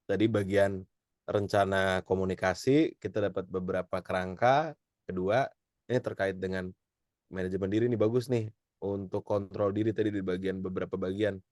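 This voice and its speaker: Low-voiced male doctor moderating a webinar, dry close sound, chatty. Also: fairly even intonation, normal speed, a little mellow, dry recording. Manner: chatty, laughs easily, reads out comments. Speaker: doctor, co-presenter.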